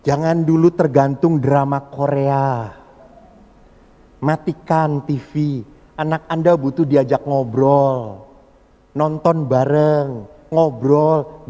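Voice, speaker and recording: Animated priest preaching in an echoey hall. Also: male voice, fairly high pitch. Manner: animated, acts out voices in his stories. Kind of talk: sermon with lively storytelling.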